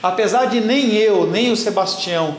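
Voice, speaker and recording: A man's voice: high-pitched, moderate pace. A man, a pastor teaching a Bible class in a blunt, teasing way and calling on listeners by name. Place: church hall. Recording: roomy church echo, faint noise.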